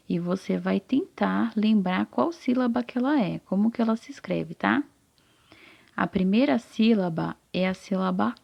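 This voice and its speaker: A Brazilian woman teacher giving a recorded reading lesson to young children. She sounds out syllables deliberately and keeps checking that the child is following. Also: mid-range voice, creaky, darkish tone, breathy edge, lo-fi sound. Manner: slow, deliberate, stretches out syllables and checks in often.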